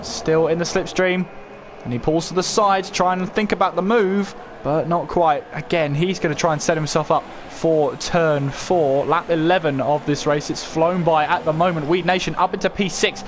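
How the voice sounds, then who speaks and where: Commentating on a motor race live, this man's voice sits on the high side, and there's noise in the background. He keeps up running play-by-play, posing rhetorical questions along the way.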